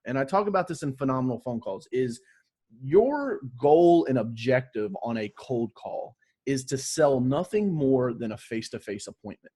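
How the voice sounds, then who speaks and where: A man with a slightly husky voice explaining sales advice as an interview guest, informal and emphatic, with salty slang. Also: mid-range voice, darkish tone.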